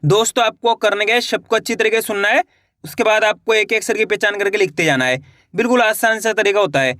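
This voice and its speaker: High-voiced man teaching syllable by syllable. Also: fast talker, sharp tone, no room sound, studio quality. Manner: repeats each word and quizzes the viewer; draws out sounds syllable by syllable. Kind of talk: spoken writing lesson for beginners.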